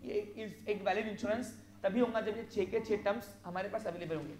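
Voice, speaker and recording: A commerce teacher lecturing a class, asking questions and answering them, and slowly dictating definitions. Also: medium pitch, fairly even intonation, darkish tone, reverberant, a little hiss or hum. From Maharashtra, India. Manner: quizzes students, answers own questions.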